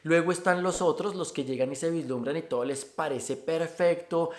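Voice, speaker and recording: A man's voice: fairly high pitch, normal speed, roomy sound. A man from Colombia with a Bogotá accent, talking reflectively in a casual opinion video about migrant life. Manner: reflective and conversational, stringing points with "entonces".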